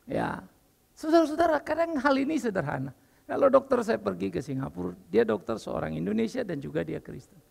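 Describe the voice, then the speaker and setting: An older man preaching a lively, joking sermon as a pastor while unwell. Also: high-pitched, brisk, creaky, long reverb tail. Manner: lively and joking, mixing in English phrases. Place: church.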